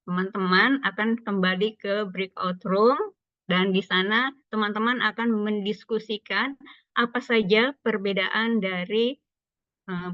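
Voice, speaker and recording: A woman facilitator leading an online training discussion, giving calm and orderly instructions over a video call. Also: mid-range voice, no echo. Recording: dull dry video-call audio.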